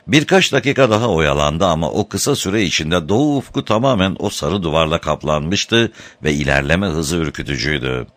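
A man narrating an audiobook dramatically, lifting his voice for shouted lines. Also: deep voice, no echo. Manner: dramatic, raises voice for shouted quotes.

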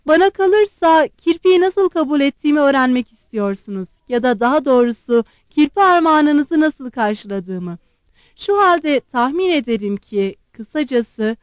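A woman's voice: high-pitched, lively intonation, no room sound. A woman doing a shy, stammering young prince. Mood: hesitant. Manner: hesitant, halting.

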